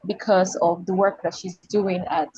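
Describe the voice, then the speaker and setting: Husky lady hosting a zoom panel, dull dry sound, keeps circling her questions. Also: on the low side, level tone, moderate pace, a little mellow, no room sound. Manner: rambling, repeats and restarts her questions. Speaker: panel host. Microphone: video call.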